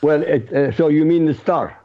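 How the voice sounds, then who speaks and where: A man's voice: a little high, normal speed. A man from Iraq, a blunt, outspoken panelist on a radio talk show. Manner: blunt, outspoken, laughs easily. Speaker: regular co-host panelist. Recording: muffled lo-fi line.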